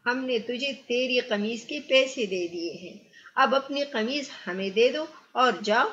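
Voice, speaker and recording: A woman's voice: fairly high pitch, fairly bright tone, close to an everyday voice. A woman voicing a clever young man who firmly stands up for a poor woman. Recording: muffled lo-fi recording.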